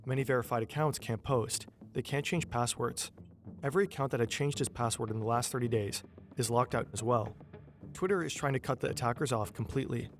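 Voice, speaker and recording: A man delivers scripted documentary narration in a medium-pitched voice. He works as the narrator, with a music bed running behind him. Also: a little fast.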